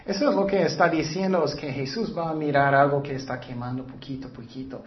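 A man's voice: on the high side, steady tone, fairly quick. A man preaching a sermon in an earnest way, often putting rhetorical questions to the listeners. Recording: dull lo-fi recording.

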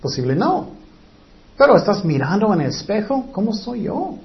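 High-voiced man preaching earnestly. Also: very animated, moderate pace, highs cut off. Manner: earnest, acts out whiny excuses in quoted voices. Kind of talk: sermon.

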